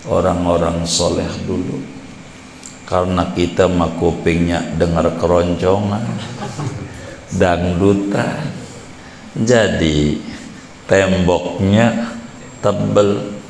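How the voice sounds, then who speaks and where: A man's voice: low-pitched, fairly even intonation, slow, creaky, long pauses, darkish tone, slight background noise. A man preaching in a chatty, joking way, drawing out words and explaining with asides. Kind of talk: casual religious lecture. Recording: echoey hall with faint ambience.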